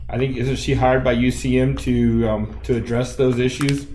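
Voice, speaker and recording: A man's voice: medium pitch, little pitch movement, normal speed, a little mellow. A man casually moderating a public meeting as its chair. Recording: echoey meeting room, faint noise.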